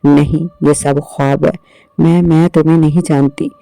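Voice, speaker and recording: A man's voice: on the high side, level tone, normal speed, gravelly, dark tone, dry recording. A man voicing a frightened poor young village girl who stammers in fear in a storybook tale. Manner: stammering, fearful.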